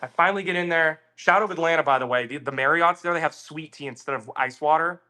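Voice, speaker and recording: A man with a slightly high, bright, forceful voice tells a story in loose, animated chat. He swears a lot and slips into quick impressions of the people he met. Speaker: podcast guest.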